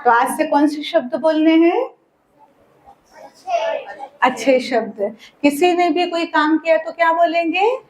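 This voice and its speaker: A woman with a high voice holds a lesson for a group of children and tells them a story. She keeps throwing quick questions at them and waits for the answers. She draws out key words in a sing-song way. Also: fairly even intonation, slight background noise. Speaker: spiritual teacher at a children's summer camp.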